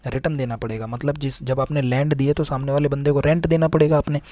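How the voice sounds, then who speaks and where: This young man's economics class is relaxed and talky: he writes on a board, asks questions only to answer them himself, and speaks for imaginary students. His medium-pitched, dark voice moves fast with fairly even intonation, and there is no echo.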